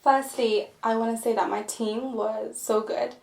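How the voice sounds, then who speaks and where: A young woman from Nepal chatting quickly and easily as a guest in an interview. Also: on the high side, fairly even intonation, gravelly, a little mellow. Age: young adult. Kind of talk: casual interview chat. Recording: roomy echo.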